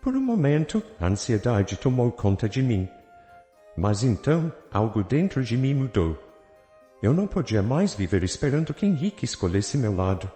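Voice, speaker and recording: A man giving a measured, scripted first-person narration of a story. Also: medium pitch, big pitch swings. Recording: roomy reverb with soft guitar music. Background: soft guitar music.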